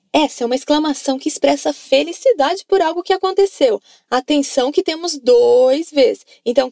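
A woman's voice: high voice, gravelly, darkish tone, no echo, studio quality. A woman with a Brazilian Portuguese accent teaching an Italian lesson, coaxing listeners to repeat phrases after her. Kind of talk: language lesson narration.

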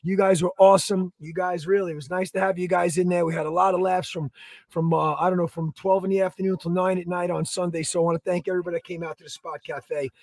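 A man, co-hosting a podcast in energetic, rambling casual chat. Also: high voice, quick pace, no echo, clean studio sound. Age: 30s. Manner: energetic, rambling, plugs products. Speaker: podcast co-host.

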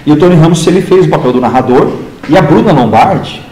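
Fast-talking and fairly high-pitched, a man in his fifties from the interior of São Paulo state, Brazil, recounts stories in a casual interview. The literature teacher is animated, performing dialogue in other voices, in a roomy, echoing room.

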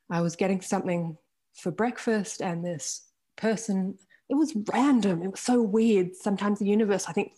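Frank, lower-pitched woman in her forties. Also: a little mellow. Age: 40s. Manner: open and frank, with laughs and mild swearing. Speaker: podcast guest. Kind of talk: candid personal storytelling.

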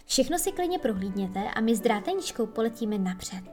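A woman's voice: on the high side, very animated, warm tone, soft background music. A woman voicing a cocky, sulky boy who never grows up, talking with scorn. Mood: scornful. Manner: scornful, boastful.

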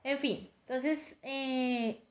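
A woman's voice: sits high, drawn-out words. A young woman in casual chat, animatedly retelling a plot and laughing often. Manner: animated storyteller, laughs often, filler 'ta, ta, ta'.

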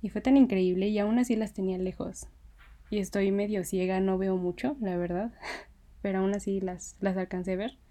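Mellow-voiced young Mexican woman. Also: mid-range voice, moderate pace. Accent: Mexican Spanish. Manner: excited, laughs often, many fillers. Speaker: fan telling a story. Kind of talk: casual storytelling.

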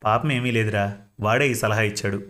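A man's voice: lowish voice, steady tone, normal speed, a bit bright, natural voice. A man voicing an anxious, loyal middle-aged friend in a storybook reading, talking earnestly and pleadingly. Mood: earnest, worried.

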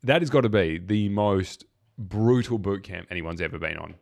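A man co-hosting a laid-back film podcast. His voice sits a little low, and he talks in a hesitant way with lots of fillers. He sounds easygoing as he recounts scenes. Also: normal speed, creaky. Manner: relaxed, hesitant, many fillers. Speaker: podcast co-host. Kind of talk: casual film discussion.

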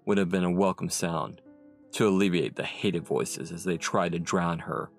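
A man reading a dark story as narrator, in dramatic audiobook style. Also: moderate pace. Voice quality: gravelly, very deep. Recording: narration over soft music.

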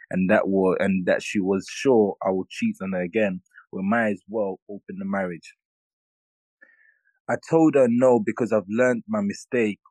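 A young man with a London roadman accent, talking in a slangy, animated way as a podcast co-host in casual banter and storytelling. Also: fairly low pitch, no room sound, poor audio. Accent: London, urban roadman slang.

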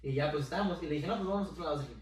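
A man's voice: on the high side, rapid-fire, slight background noise. Young man, echoey distant mic. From Mexico. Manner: slangy, laid-back storytelling. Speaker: podcast co-host. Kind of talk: casual chat.

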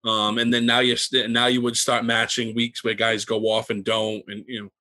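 A male podcast co-host chatting casually about fantasy football. His tone is bright and forward and the sound is dry and close. He rambles, restarting his sentences. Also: medium pitch, level tone, moderate pace, no echo. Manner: rambling with many fillers and restarts.

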